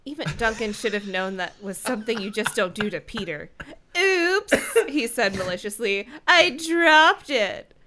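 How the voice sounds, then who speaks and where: A woman reads a children's book aloud on a comedy podcast, breaking off for playful asides. Her voice is bright and tense. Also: mid-range voice, a little fast, hardly any pauses, slight background noise. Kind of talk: casual chat and reading aloud.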